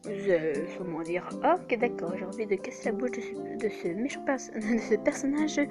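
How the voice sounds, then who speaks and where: A woman playing through a story game, reading it aloud and reacting in an excitable way, laughing often and protesting loudly. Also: mid-range voice, moderate pace, loud music behind the voice. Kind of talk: let's play, reading choices and reacting.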